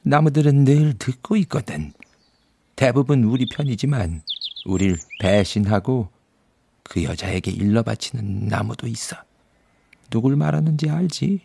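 A man's voice: mid-range voice, measured pace, creaky, slightly rough, no room sound. A man voicing a kindly, watchful male beaver in a storybook, with a secretive, folksy way of talking. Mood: wary, secretive. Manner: secretive, folksy beaver talk, hushed at moments. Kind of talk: storybook character voice.

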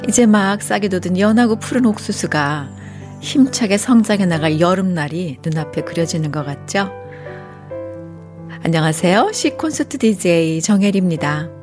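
Soft-spoken woman radio DJ. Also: fairly low pitch, lively intonation, normal speed, over music. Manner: gentle, reads listener texts aloud. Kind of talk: radio show hosting and poetry reading. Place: radio studio. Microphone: studio microphone.

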